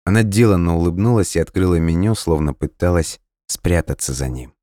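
A man narrating an audiobook in measured, even storytelling. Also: low-pitched, no room sound, studio quality.

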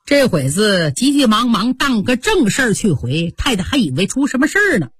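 A woman radio storyteller, narrating with dramatic flair. Her voice is fairly high and swings widely, with a touch of huskiness, recorded close and dry. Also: very animated, normal speed, breathy edge, no room sound.

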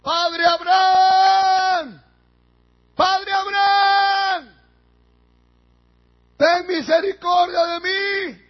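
Pastor putting on a tormented rich man, loud drawn-out desperate pleas, raspy, dull lo-fi recording. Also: sits high, sing-song, voice pushed down, heavily acted. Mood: desperate pleading. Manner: desperate shouted pleading, slow and drawn out. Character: rich man in hell begging for mercy.

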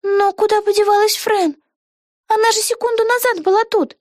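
A woman voicing an excitable young girl witch in a storybook, talking fast and exclaiming eagerly in a very high voice. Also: dry recording, studio quality.

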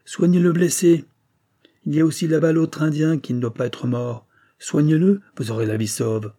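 A man's voice: mid-range voice, moderate pace, mellow, slightly rough, natural voice. A man reading an audiobook and voicing a brave young male hero who speaks in firm, commanding tones. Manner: commanding, resolute.

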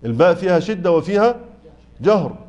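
A man with an Egyptian Arabic accent and a fairly high voice teaches Quran recitation in a mosque study circle. He corrects mistakes in an animated way and demonstrates sounds by drawing words out slowly, one syllable at a time. The recording is dull and lo-fi. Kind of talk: tajweed lesson explaining a poem.

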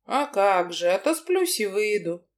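Audiobook figure: a sleepy, evasive young man, low and mumbling, read by a woman narrator. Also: big pitch swings, a little slow. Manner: drowsy, mumbling.

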